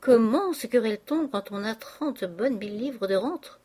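A woman reading an audiobook, voicing a cynical male ex-convict lodger with a loud, mocking, swaggering delivery. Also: a little high, lively intonation, normal speed, slightly rough.

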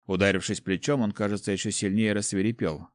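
A man with a low voice narrates a fantasy story in the first person, steady and measured. The sound is dry and close, with no room echo at all.

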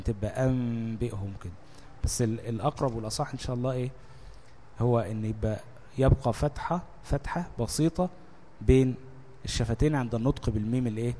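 A man's voice: mid-range voice, mellow, big-room sound, slight background noise. A man with an Egyptian Arabic accent teaching a religious lesson on Quran recitation, explaining step by step and answering his own questions as he moves between formal Arabic and Egyptian dialect.

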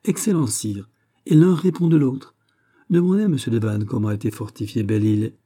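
Guy doing a bold musketeer, animated and punchy, dark husky voice. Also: mid-range voice, a little fast, close to an everyday voice. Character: bold, witty musketeer captain. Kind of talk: audiobook character reading.

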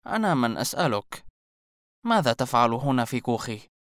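A man voicing a mysterious old woman hermit, slow and scornful, in a storybook reading. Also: deep voice, lively intonation, a little mellow, no echo, studio quality, pitched above the performer's own voice. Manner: slow, mocking, ominous delivery.

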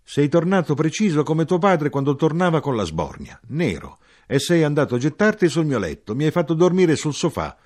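A man's voice: a little high, sing-song, normal speed, few pauses, pitched above the performer's own voice. A man doing a scolding older mother. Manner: sharp and scolding, voice raised. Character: stern, reproachful older mother.

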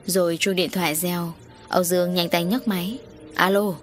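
A woman narrating an audio story in a steady, even storytelling voice. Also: lowish voice, normal speed, slight background noise. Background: faint music.

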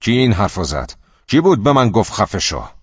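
A man voicing a bald, thuggish male bully in a cinema, shouting angrily in an audiobook. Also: on the low side, sing-song, breathy edge, big-room sound, muffled recording, pitched above the performer's own voice. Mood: angry shouting.

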